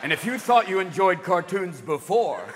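A man's voice: sits high, sing-song, moderate pace. A man putting on a solemn male announcer reading an official warning in a grave, mock-official tone, in an echoey hall with crowd noise.

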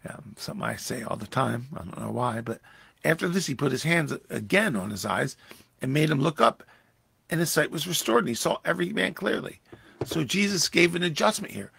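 A man pastor teaching a Bible study in a conversational, animated way, raising his voice when acting out quoted lines. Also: a little high, fairly quick, vocal fry, slightly rough, dry recording.

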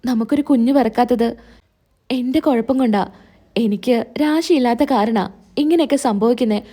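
A woman voicing a gentle young wife who speaks in a soft, pleading, hurt way in a retold serial story. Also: on the high side, natural voice.

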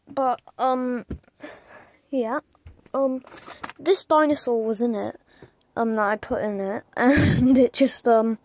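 A woman talking casually and hesitantly to her phone camera in a room at home, with many fillers and an amazed tone, as host of her hobby channel. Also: sits high. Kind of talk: casual vlog narration. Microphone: handheld phone camera.

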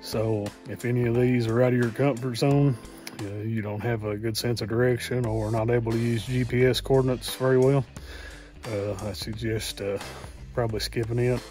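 Out in the woods, a young man records himself on a phone held at arm's length while describing his hike. He speaks at normal speed with a medium-pitched voice, soft music in the background. His manner is easygoing and practical, peppered with "uh."

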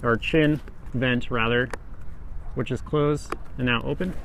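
A man's voice: mid-range voice, fairly even intonation, unhurried, fairly bright tone, a little hiss or hum. A man in a casual motorcycle vlog, talking with his helmet closed and using lots of fillers. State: speaking inside closed helmet. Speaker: motorcycle vlogger.

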